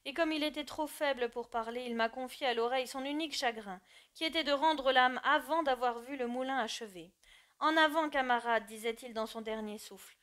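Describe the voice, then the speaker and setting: A woman doing a sly, smooth-talking pig. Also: high voice, brisk, fairly bright tone. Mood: mock sorrow.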